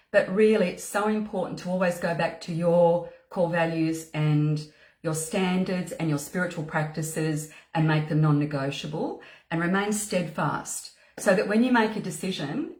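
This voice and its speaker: Earnest lady mentor, lowish voice, talks in an echoey room, repeats stuff for emphasis. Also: darkish tone. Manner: earnest, repeats words for emphasis, many "you know" and "okay". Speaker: spiritual mentor and psychic medium. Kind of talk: motivational talk to camera.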